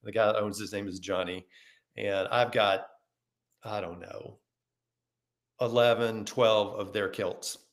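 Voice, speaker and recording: A man co-hosting a podcast, telling stories in a casual, animated way and acting out the people he quotes. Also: lowish voice, measured pace, long pauses. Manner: animated storyteller, acts out quoted dialogue. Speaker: podcast co-host. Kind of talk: casual conversation, storytelling.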